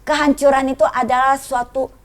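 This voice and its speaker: Speaking at a normal speed in a high voice, a middle-aged woman recounts a personal testimony as a casual chat. She is a lively storyteller who laughs frequently and performs the voices of anyone she quotes.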